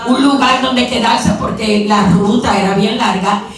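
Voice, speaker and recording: A woman preacher giving a sermon in a church, retelling a story with rhetorical questions and quick asides. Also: a little high, steady tone, a crowd in the background. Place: church sanctuary. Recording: very echoey hall, mic far off.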